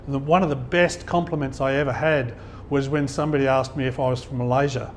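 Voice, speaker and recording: Speaking fast in a mid-range voice with fairly even intonation, a middle-aged Australian man addresses a function-hall audience as guest speaker at a business networking event. His informal talk is full of anecdotes that he chuckles at himself, and there's slight background noise.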